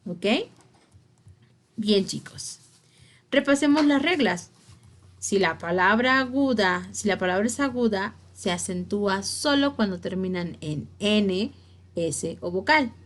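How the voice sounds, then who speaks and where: A woman's voice: mid-range voice, animated, slow pace. A woman teacher giving a spelling lesson to her students, stressing key words and checking that they follow along.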